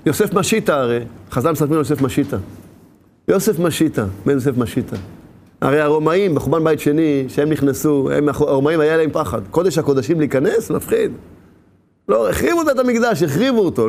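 A man's voice: on the high side, very animated, darkish tone, a little hiss or hum. A man giving an emphatic sermon as a rabbi, asking rhetorical questions and swinging his voice up and down.

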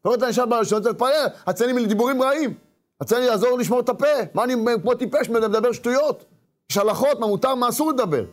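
A man giving an animated sermon, acting out inner voices and calling out at times. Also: extremely high pitch. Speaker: rabbi.

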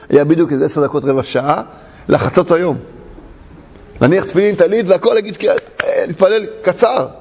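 A man giving a storytelling sermon, animated and laughing often as he tells a story. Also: fairly high pitch. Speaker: religious teacher. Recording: long hall reverb.

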